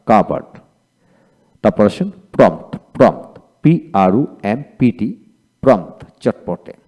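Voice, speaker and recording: A man's voice: on the low side, warm tone. A man teaching a spoken English lesson, saying each word twice and spelling it out letter by letter.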